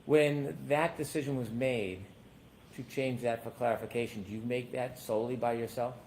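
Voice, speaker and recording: A man's voice: mid-range voice, fairly even intonation, moderate pace, darkish tone, slight background noise. A man questioning a witness as an attorney in a courtroom recording, asking probing questions with frequent hesitations.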